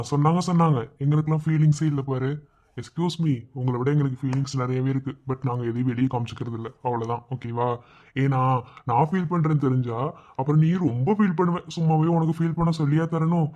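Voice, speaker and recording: A man's voice: on the high side, fast talker, warm tone, natural voice. A man voicing a young husband in a cartoon love story, teasing his wife and then reassuring her in a coaxing way. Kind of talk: cartoon voice acting.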